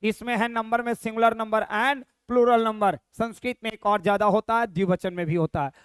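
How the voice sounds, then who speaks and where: A male Sanskrit teacher talks through a screen-recorded lesson. He says each form twice and keeps asking the viewer what it reads as. His voice is smooth and clear, recorded dry and close. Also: high voice, steady tone, brisk, no echo.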